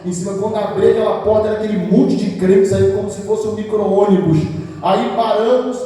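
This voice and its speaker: High-voiced pastor preaching in an echoey hall. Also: male voice, steady tone, brisk, mellow, far from the mic. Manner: emphatic preaching, repeating phrases for effect. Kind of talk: sermon.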